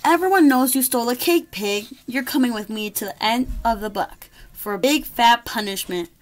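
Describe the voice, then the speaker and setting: A woman's voice: on the high side, normal speed, lightly acted. A woman voicing a bossy, shifty male bear detective who blusters and accuses, reading a storybook to a toddler. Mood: stern.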